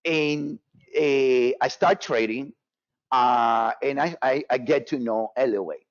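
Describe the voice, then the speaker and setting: A Cuban-born man runs a live trading webinar in a slow, mid-range voice, keeping it casual and repetitive with lots of fillers and frequent restarts. The sound is dry and muffled, with no room echo.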